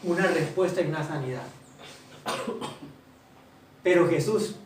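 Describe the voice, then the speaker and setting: A man's voice: a little high, measured pace. A man preaching a sermon, asking questions and answering them himself. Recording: roomy hall, voice from far off, faint ambience.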